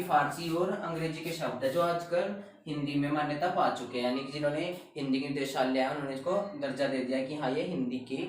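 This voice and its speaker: In a classroom style, a man teaches Hindi grammar and explains spelling, repeatedly posing questions and answering them himself. His voice is on the high side, with slight background noise, a very echoey room, and a distant mic.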